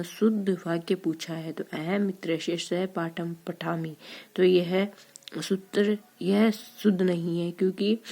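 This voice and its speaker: A woman's voice: fairly low pitch, gravelly, mellow. A woman tutor, working through an exam paper question by question and explaining each answer step by step. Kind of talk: solving an exam paper aloud.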